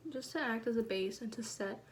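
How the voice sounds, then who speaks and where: A soft, quiet-spoken woman chatting casually through a makeup tutorial, recorded on a phone. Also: on the high side, fairly quick, heavy background noise. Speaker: beauty vlogger.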